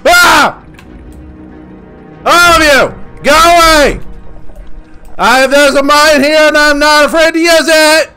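A man shrieks and yells in a very high, piercing, bright voice while he plays. He drags out his panicked words slowly. Faint game music plays behind him. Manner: panicky, constantly screaming and yelling at enemies. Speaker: gaming YouTuber. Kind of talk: screaming horror game commentary.

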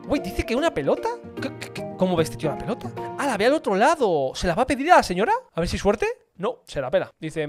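A man with a Spanish accent from Spain runs through gameplay in a lively, swooping voice, chattering at the on-screen characters and yelping when things go wrong. His pitch jumps all over the place. Faint game music plays under him. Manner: excitable, chatters to game characters, sudden yelps. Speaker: gaming YouTuber. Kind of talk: gameplay commentary.

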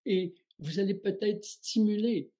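A middle-aged man hosting a live spiritual guidance show, calmly and reflectively answering viewers' questions and speaking directly to them. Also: high-pitched, measured pace. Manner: calm, reflective, addresses listeners directly.

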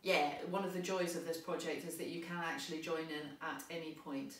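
A woman music tutor with a low, steady, slightly bright voice talks a little fast as she gives young players cheerful, encouraging step-by-step instructions in a friendly teaching style. She's in an unfamiliar large venue, and the echoey recording catches her voice from a distance.

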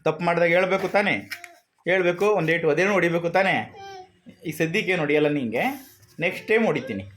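A man's voice: a little high, fast talker, slight background noise. A man talking with his young daughter, coaxing and mildly scolding her through repeated questions. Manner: coaxing, gently scolding, keeps asking questions. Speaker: father, vlogger. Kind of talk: casual family chat.

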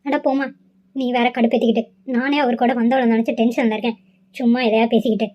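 A woman's voice: fairly high pitch, fairly even intonation, fast, darkish tone, slight background noise, pitched below the performer's own voice, lightly acted. A woman voicing an irritated young fiancée who complains and sulks, in a cartoon. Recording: slightly dull lo-fi audio.

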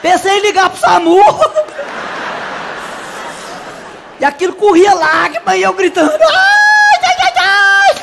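A man's voice: very high voice, steady tone, quick pace, gravelly, big-room sound, heavy background noise. A male comedian on a live stage playing a brash, dramatic middle-aged woman, telling a story in a gossipy way with shrieks. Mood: shrieking. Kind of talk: live stand-up character monologue.

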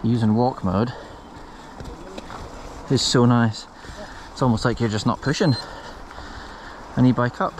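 A man chats casually to his vlog while out riding, with a hyped, bro-like way of exclaiming and slangy talk. His voice sits at a medium pitch, and there is clear wind and outdoor noise around it. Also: moderate pace, a little mellow. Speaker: mountain biking vlogger. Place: outdoors, riding a bike trail. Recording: noisy outdoor audio with wind.

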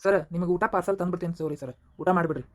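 A fast-talking cartoon police constable, voiced by an actor who snaps loudly at the prisoner but turns obliging with his boss. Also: mid-range voice, fairly even intonation, natural voice. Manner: obedient to the boss, loud and rough with the prisoner.

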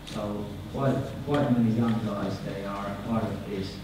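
Man, Finnish accent, thirties, conference talk, halting delivery, lowish voice, booming hall from a distance. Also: fairly even intonation, background noise. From Finland. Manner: halting, repeats words, trails off at phrase ends. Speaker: conference speaker. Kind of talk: conference presentation. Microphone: podium microphone. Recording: echoey hall, picked up from far off.

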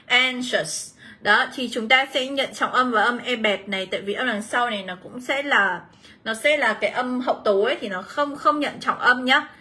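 A woman's voice: fairly high pitch, moderate pace, sharp tone. A young woman teaching English on a livestream, chatty, greeting viewers and reading out their answers. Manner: chatty, reads out student comments, calls class "mọi người". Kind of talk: livestream exam review lesson.

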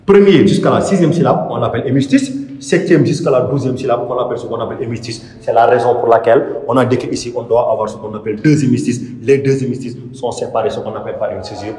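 A man's voice: medium pitch, fast, few pauses, a little mellow. A man teaches poetry in a lecture, a didactic voice that keeps asking a question and then answering it. He repeats key terms as he works through his points. His voice rings through a bare room with a long echo. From Senegal. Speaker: literature teacher. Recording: echoey room with long reverb.

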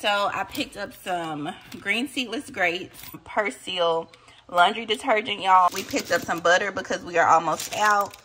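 In a grocery haul video, a chatty vlogger in her thirties from the American South talks to camera with a Southern accent, often saying "y'all." Her medium-pitched voice is bright and forceful and a little slow, with slight background noise.

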